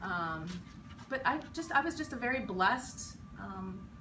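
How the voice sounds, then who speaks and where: With a mid-range voice, lively intonation and a measured pace, a western Pennsylvania teacher in her forties reflects on her school years during a casual interview, rambling with frequent ums and restarts. The setting is a school building, and the audio is noisy and echoey with a distant mic.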